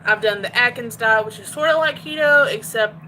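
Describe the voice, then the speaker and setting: A woman's voice: on the high side, a little fast, sharp tone, slight background noise, low-quality recording. A woman chatting candidly to her phone while cooking in her home kitchen. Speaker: cooking vlogger. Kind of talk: casual chat while cooking.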